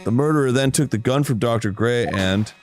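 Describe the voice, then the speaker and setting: A man playing a game, reading its dialogue in a low deadpan voice and joking crudely. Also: fairly quick. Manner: deadpan, lowered voice when reading lines, crude jokes. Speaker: let's play host. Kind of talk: comedic game commentary and reading. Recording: video game music behind.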